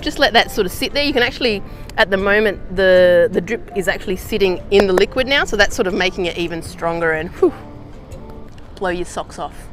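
An Australian woman chats casually outdoors, slangy and relaxed, in a mid-pitched voice. Faint music sits underneath her talk. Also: fairly quick. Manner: chatty, slangy and relaxed, with easy laughs. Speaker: hiking vlogger. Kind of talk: casual how-to chat.

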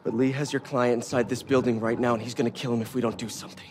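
An actor playing a young, wisecracking but earnest American superhero in a video game. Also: male voice, mid-range voice, level tone, quick pace, noisy background, lightly acted. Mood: urgent, reasoning.

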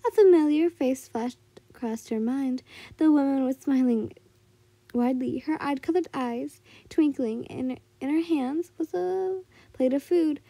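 Amateur female story narrator, high and very mellow, halting delivery with frequent stumbles. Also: dry recording. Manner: halting, stumbles over words and corrects herself.

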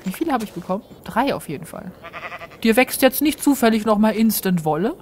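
A woman's voice: fairly high pitch, lively intonation, a little fast, darkish tone, a little hiss or hum. A woman giving chatty, self-mocking commentary while playing a game and talking to her viewers. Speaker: let's player. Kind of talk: casual gameplay commentary.

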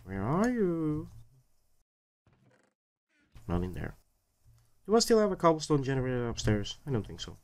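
A man's voice: mid-range voice, very animated, normal speed, long pauses, a little mellow. A man giving casual let's play commentary, muttering to himself in short fragments with a grumbly, exasperated edge. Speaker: gaming video host.

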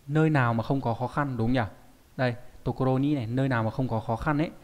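Male language teacher, mid-pitched, explaining a reading text and quizzing himself aloud. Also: a little mellow, long reverb tail. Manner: rhetorical questions answered himself, slow careful Japanese readings. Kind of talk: reading lesson explained in Vietnamese.

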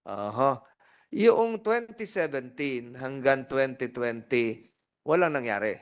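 Male hearing chair, mid-pitched voice, probing and repetitive questioning. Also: expressive, slow pace. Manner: probing, repeats and rephrases his questions. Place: legislative hearing room.

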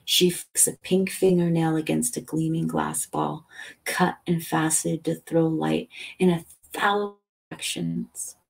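Lady reading a bedtime story, low husky voice, calm and soothing. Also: poor audio. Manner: slow, calm, soothing delivery. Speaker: audiobook reader. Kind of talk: soft bedtime novel reading.

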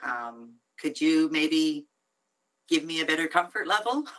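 A woman councillor questions the applicant at a public hearing. Her voice sits low yet sounds bright and clear, and her questions are brisk and direct. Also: animated, rough recording. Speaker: city councillor.

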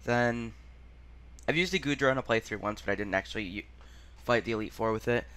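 A man hosting a gaming channel, thinking aloud through a quiz in a muttering, halting way and sounding out words as he goes. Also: medium pitch, fairly bright tone.

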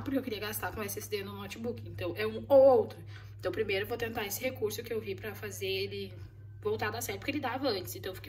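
Fast-talking woman chatting in a vlog. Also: on the high side. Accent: Brazilian Portuguese. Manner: chatty, rambling, often adds "né?" and "gente". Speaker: vlogger running a custom stationery studio. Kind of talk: casual vlog chat to camera. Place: craft studio.

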